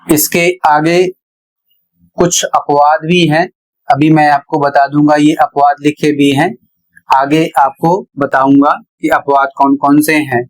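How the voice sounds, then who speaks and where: A man teaching English pronunciation in a slow, explanatory lesson, spelling words out letter by letter. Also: fairly high pitch, poor audio.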